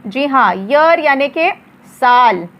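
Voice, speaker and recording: A woman teaching English words in a slow lesson, spelling them out letter by letter and repeating each one. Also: high voice, lively intonation, dull audio.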